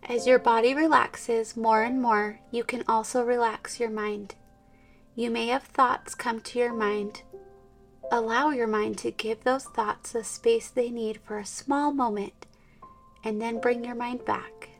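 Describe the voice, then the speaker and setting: Woman talking you thru a prayerful meditation, real slow and hushed, kinda far from the mic. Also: fairly high pitch, steady tone. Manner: slow, soft, soothing, drifting into whispers. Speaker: meditation guide. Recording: distant mic with soft instrumental music.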